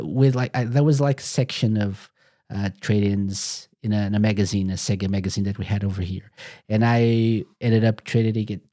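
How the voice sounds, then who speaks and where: Mid-range and mellow, the voice belongs to a Portuguese podcast host. He rambles through stories in relaxed conversation, revising what he says as he talks.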